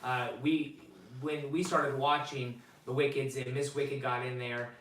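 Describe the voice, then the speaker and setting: A man in his forties hosting a casual interview with guests, jovial and quick to laugh, sincere when he thanks them. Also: medium pitch, flat delivery, fairly bright tone, distant mic. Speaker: channel host interviewing guests. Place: hotel room at a theme-park resort. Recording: echoey room, voice from off-mic, faint noise.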